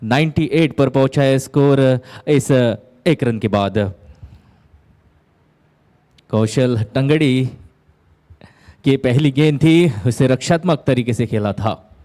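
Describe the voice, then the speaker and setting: A man giving live ball-by-ball cricket commentary, phrasing things in measured bits with pauses and lifting at key moments. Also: medium pitch, dark tone.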